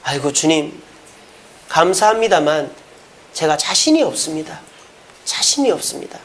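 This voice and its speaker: An ashamed grown apostle pleads that he cannot face his master, as a preacher acts him out in a sermon. The voice sits higher than the preacher's own and swings widely in pitch, with a gravelly edge. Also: big pitch swings, moderate pace. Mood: pleading. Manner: pleading, self-reproaching.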